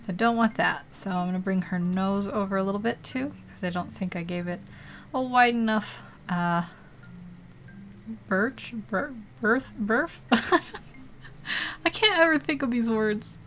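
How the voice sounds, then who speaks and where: A woman's voice: medium pitch, unhurried, fairly bright tone. Woman, casual painting commentary, frequent giggles, lots of ums, faint hum. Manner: chatty, laughs often, rambling with fillers. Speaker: digital painting livestreamer.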